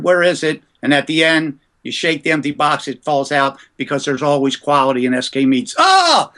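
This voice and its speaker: A man with a bright, forceful voice spins lively anecdotes in a relaxed interview. He talks a little higher than most men. He is a ventriloquist from the US East Coast recalling his start in show business. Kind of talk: casual storytelling interview.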